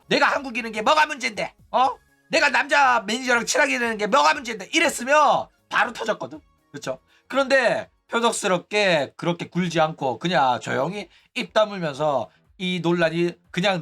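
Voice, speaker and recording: A male host delivers opinionated commentary in a mocking tone, often tossing in rhetorical tag questions. His voice sits high and moves in an animated way. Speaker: host of a VTuber news channel.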